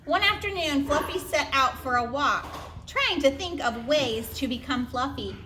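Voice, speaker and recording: A woman teacher reading a storybook aloud in an expressive way, adding chatty asides. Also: high-pitched, normal speed, reverberant, noisy background.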